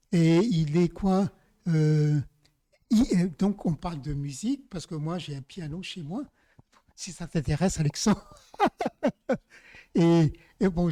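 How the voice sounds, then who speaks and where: Warm-voiced man preaching like a storyteller. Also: high voice, no echo. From Madagascar. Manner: chatty, addresses listeners directly, slows down for key phrases. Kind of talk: informal storytelling sermon. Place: church service.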